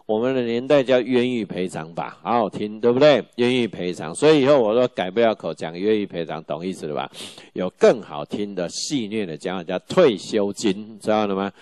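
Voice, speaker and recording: A middle-aged man lectures law students in a lively, joking way, his fairly low voice swinging widely in pitch. He keeps tossing rhetorical questions at the class. The sound is close and dry, with no room echo. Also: brisk, few pauses.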